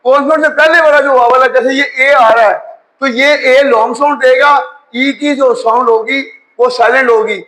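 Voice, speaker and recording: A man. His tone is bright and forceful. He goes slowly, repeating each word and spelling it out letter by letter. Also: very high voice, fairly even intonation, low-quality recording. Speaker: English teacher. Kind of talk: spoken grammar lecture.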